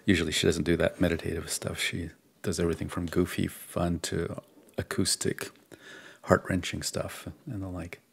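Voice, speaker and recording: A man hosting a live online drawing session in casual, chatty talk, self-mocking and quick to laugh, speaking close to a desk mic. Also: deep voice, flat delivery, creaky, husky. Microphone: close desk mic, wearing headphones.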